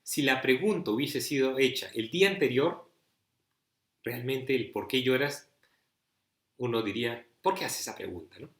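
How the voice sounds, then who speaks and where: A man's voice: mid-range voice, normal speed, pauses often, fairly bright tone. Man preaching a sermon in an echoey room. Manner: rhetorical questions, pleading and emphatic.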